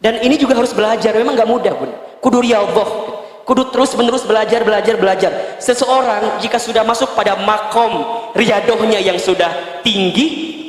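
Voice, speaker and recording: A man preaching a lively, joking sermon to women in a Sundanese-accented voice, acting out little scenes between a wife and her husband. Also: high-pitched. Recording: echoey hall.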